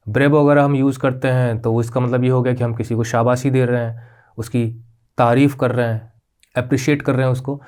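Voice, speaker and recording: Patient male teacher explaining grammar. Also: a little mellow. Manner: patient, repeats "ठीक है?" checks with rising pitch; spells out terms slowly, mixing English words into Hindi. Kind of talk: classroom grammar lesson.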